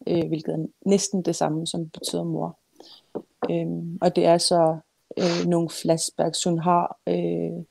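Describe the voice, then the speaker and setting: A woman's voice: on the low side, gravelly, warm tone, no echo. A woman author who reads a passage from her own novel, and who talks hesitantly with many fillers between readings. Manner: hesitant, with many fillers when speaking freely.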